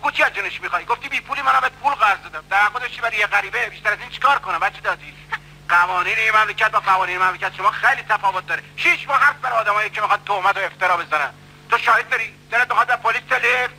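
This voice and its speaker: Swaggering middle-aged bully, high-set voice, blustering and threatening. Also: male voice, sharp tone, husky, full character voice, low-quality recording. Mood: smooth menace. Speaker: dub actor. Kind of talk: dubbed film acting.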